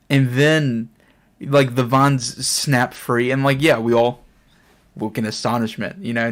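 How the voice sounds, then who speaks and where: A man narrating as game master in a tabletop role-playing game, hesitant, with many fillers and frequent laughs. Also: medium pitch.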